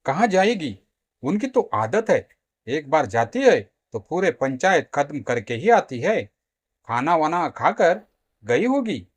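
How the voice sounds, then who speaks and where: Guy playing a laid-back young husband, brushes everything off, bit high and bouncy. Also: very animated, takes it slowly, full character voice. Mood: dismissive. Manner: offhand, dismissive. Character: easygoing young husband, dismissive son.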